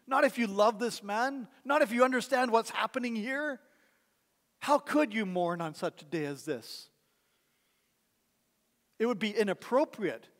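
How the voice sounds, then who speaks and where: High-voiced pastor preaching in a reverberant hall. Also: male voice. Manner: conversational preaching with rhetorical questions. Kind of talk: sermon. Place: church sanctuary. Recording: long church hall reverb.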